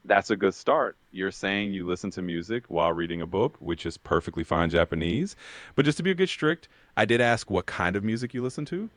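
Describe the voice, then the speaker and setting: A man's voice: low-pitched, lively intonation, fairly quick, a bit bright, no echo. A man tutoring Japanese, asking practice questions and explaining with encouraging feedback.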